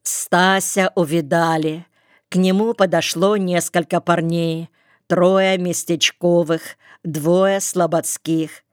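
A woman narrating an audiobook with a calm, measured reading, recorded in a studio. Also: on the low side, clear, resonant tone, no room sound. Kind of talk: scripted narration.

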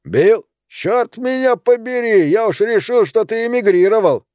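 A man playing a blunt male friend, scolding and swearing, higher-pitched, dry recording. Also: expressive, a little slow, a little mellow, dry recording. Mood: exasperated. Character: blunt cowardly male friend, exasperated and profane.

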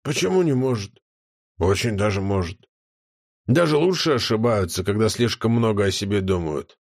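A man's voice: lowish voice, expressive, moderate pace, pitched below the performer's own voice. A man voicing a fat, smug guardian born of chaos who drawls and mocks in a theatrical way, in an audiobook. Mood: mocking. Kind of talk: audiobook character voice.

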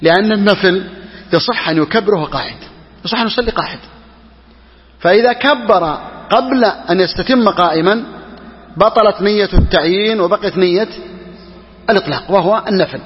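A man teaching religious law as a sheikh, who talks quickly and repeats key phrases for emphasis. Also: high voice, big-room sound, muffled recording. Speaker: sheikh teaching Hanbali jurisprudence. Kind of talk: religious lesson explaining a text.

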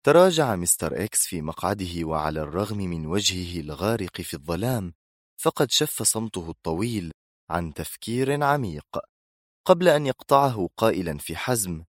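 Very deep-voiced male audiobook narrator. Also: brisk, no echo, studio quality. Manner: dramatic, expressive storytelling.

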